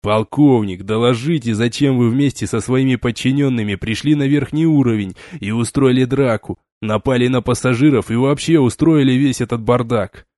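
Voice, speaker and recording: A man voicing a stern, weary starship captain who gives slow, measured commands in an audiobook. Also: medium pitch, a little mellow, no room sound, clean studio sound, natural voice. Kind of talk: audiobook character reading.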